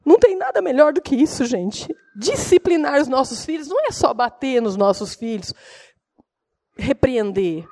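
A woman's voice: high voice, a little mellow. A middle-aged woman gives a sermon, telling family stories with earnest emotion. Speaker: preacher and mother.

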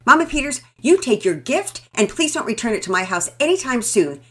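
A woman voicing an angry, hostile neighbor woman who shouts in indignation. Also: on the high side, very animated, a little fast, breathy edge, pitched above the performer's own voice, exaggerated voice. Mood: furious.

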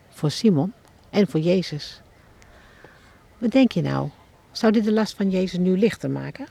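A children's book author tells a devotional story as if standing at the scene, watching it unfold, and keeps addressing the listener with questions. Her voice is lowish, creaky and warm, with a breathy edge.

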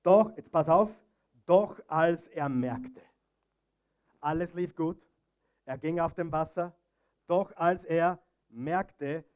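Guy preaching a sermon, kinda high voice, super animated, talks right at the crowd, goes quiet then loud. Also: dull audio. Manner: animated, addresses the audience directly; swings between soft asides and loud stresses. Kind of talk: sermon with Bible reading.

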